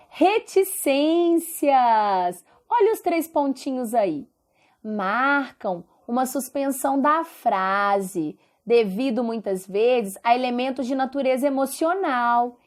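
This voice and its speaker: Lively high-voiced woman teacher. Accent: Brazilian Portuguese. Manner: explains slowly, asks rhetorical questions. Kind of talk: recorded online lesson.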